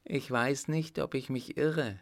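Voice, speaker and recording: A man voicing a young peasant girl in a story reading, raising his voice high and bright when she cries out. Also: steady tone, slow pace. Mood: shy.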